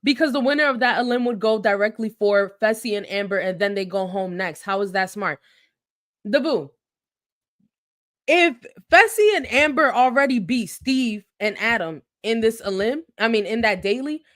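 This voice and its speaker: A woman's voice: medium pitch, moderate pace. A woman co-hosting a casual recap podcast, talking animatedly and acting out what people said. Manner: animated, acts out quotes. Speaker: podcast co-host.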